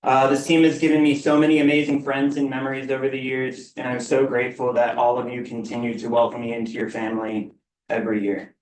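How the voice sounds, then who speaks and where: Young man's halting farewell speech. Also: mid-range voice, little pitch movement, a little mellow, slight background noise. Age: 20s. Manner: grateful, halting with many fillers. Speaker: senior athlete giving a speech. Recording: roomy, from a distance.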